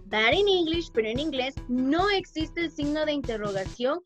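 Over a video call, a woman who teaches English at primary level guides young children through an online lesson in a high, bright voice with lively intonation at a moderate pace. Patient and gentle, she alternates between Spanish and English and addresses pupils as "mi amor", while children's music plays clearly in the background.

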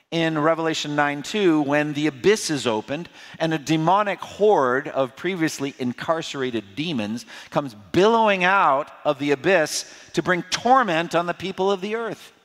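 A male pastor delivers a sermon with fervor, his voice sitting at an ordinary pitch for a man. He climbs loud on the big points, then drops low and earnest to plead with his listeners. The sound carries the long reverb of a large church hall. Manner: impassioned preaching, rising loud on key points and dropping low to plead. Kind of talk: expository sermon. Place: church sanctuary.

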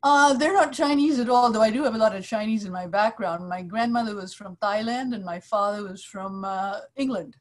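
A woman's voice: medium pitch, fairly quick, few pauses. A woman from Malaysia commenting earnestly in an online class, speaking in restarts. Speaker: class participant.

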